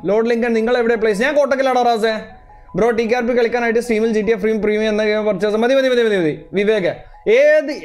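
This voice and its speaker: Male streamer from Kerala, high-pitched, relaxed live chat with viewers, calling them bro. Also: clear, resonant tone. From Kerala, India. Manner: chatty, greets viewers and answers chat, calls them bro. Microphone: calibrated streaming mic.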